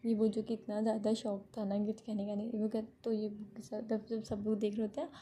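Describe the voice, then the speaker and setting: A woman's voice: mid-range voice, completely flat delivery, brisk, dark tone, slight background noise. A woman casually retelling a fan fiction story, chatty, often correcting herself mid-sentence. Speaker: narrator.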